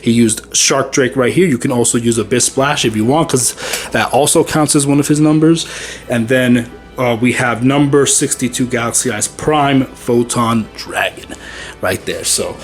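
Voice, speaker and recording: A man talks casually through his card deck in a loose, rambling way, full of uhs and restarts. He sounds a little short of breath. Soft music plays faintly behind him. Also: mid-range voice, normal speed. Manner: rambling, easygoing, many fillers. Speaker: card game channel host.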